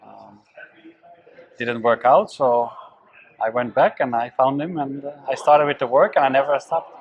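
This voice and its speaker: A man from the Netherlands, answering interview questions hesitantly and filling his pauses with "um.". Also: mid-range voice, lo-fi sound. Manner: hesitant, many fillers. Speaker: guest, event volunteer.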